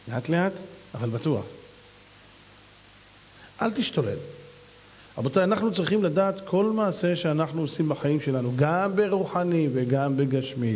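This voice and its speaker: A man's voice: darkish tone, a little hiss or hum. A man preaching as a rabbi, emphatic and full of rhetorical questions. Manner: emphatic, mimics others in high voices, rhetorical questions. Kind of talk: sermon. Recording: long hall reverb.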